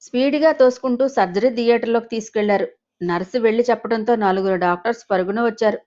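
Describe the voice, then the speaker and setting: A woman's voice: on the high side, fast, a little mellow, dull audio. A woman storyteller reading a scripted emotional audio story in a dramatic, emotive way.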